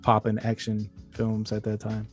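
A man's voice: fairly low pitch, completely flat delivery, normal speed, darkish tone, soft background music. Playful laid-back man hosting a chat. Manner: playful, laughs often, hypes up the game. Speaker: podcast host. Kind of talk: casual chat.

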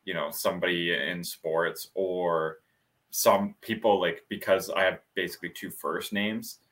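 Male co-host, low voice with a bright edge, casual and animated. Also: a little slow. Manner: animated storyteller, laughs often. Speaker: podcast co-host. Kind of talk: casual chat.

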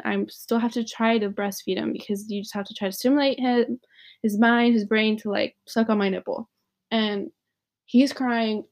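A woman's voice: fairly high pitch, darkish tone. A young woman hosting a podcast, chatting candidly and joking, laughing often. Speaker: podcast host. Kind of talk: casual chat.

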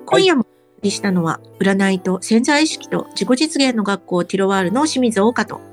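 A woman's voice: mid-range voice, very animated, normal speed, faint music behind. A woman co-hosting a radio talk, attentive and polite with brief acknowledgements. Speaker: co-host, fortune-telling school representative.

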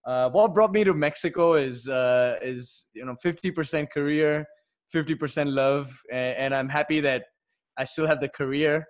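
A man's voice: on the high side, moderate pace. Easygoing male podcast guest. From India and Singapore. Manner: relaxed, laughs easily, fluent. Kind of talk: casual podcast chat.

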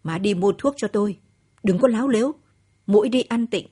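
A cruel husband sneers at his frightened wife in a read-aloud story, as a woman narrator puts him on. The voice is dark and husky. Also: medium pitch, moderate pace, pitched above the performer's own voice, lightly acted. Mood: sneering.

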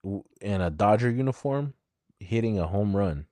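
A man with a lowish voice bantering on a podcast, teasing his co-host with playful jokes. The sound is dry and close to the mic. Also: animated, moderate pace, darkish tone, no echo. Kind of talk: casual chat.

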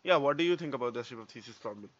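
A man's voice: mid-range voice, lively intonation, rapid-fire, over a noisy crowd. A man co-hosting a podcast, casually explaining step by step and often checking in with short tag questions. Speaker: podcast co-host. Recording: dull lo-fi audio.

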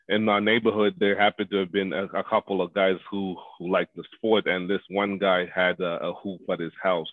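A man with a very low, monotone voice tells his answers in a loose, meandering way full of "uh" and "you know." The sound is thin and phone-like, and the room around him is completely dry. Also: no room sound. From Zambia. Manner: rambling, many fillers. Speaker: guest, former pro basketball player. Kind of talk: casual interview answers. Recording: phone-like call audio.

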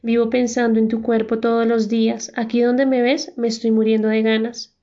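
A jealous, passionate young prisoner pleading insistently, as a woman reader voices her. The voice sits a little high and sounds mellow. The recording is dull and lo-fi. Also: level tone, moderate pace, natural voice. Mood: longing.

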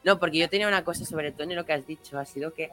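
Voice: medium pitch, rapid-fire, pushed and bright, faint music behind. A speaker from chatting eagerly about a show. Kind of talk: casual chat.

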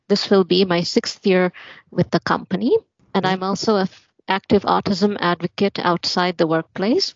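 A young woman from Malawi telling her life story as a guest, in a steady, matter-of-fact way. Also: lowish voice, no room sound. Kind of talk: personal story in a podcast interview. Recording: muffled lo-fi audio.

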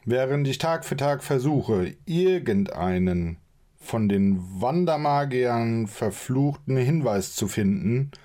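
A man's voice: medium pitch, normal speed, few pauses, voice pushed up, close to an everyday voice. A man voicing an irritable male leader who scolds and barks orders at his companions, in an audiobook reading. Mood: furious. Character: irritable male leader, short-tempered and commanding.

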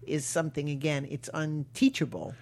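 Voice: mid-range voice, steady tone, normal speed, creaky. An interviewer asking hesitant questions full of fillers and restarts.

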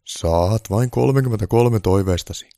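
A man plays an old Santa Claus who is calm and blunt, speaking louder and a little higher than his natural voice. His delivery is dry, firm and matter-of-fact, and the voice sounds natural in a dry recording.

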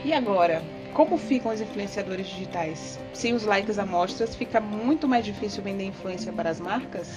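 A woman's voice: medium pitch, expressive, normal speed, few pauses, rough recording. A woman with a Bahian Brazilian accent co-hosting a podcast in a casual, conversational style. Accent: Bahian Brazilian Portuguese. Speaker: podcast co-host. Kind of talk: casual chatty podcast presenting. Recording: loud background music under the voice. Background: background music.

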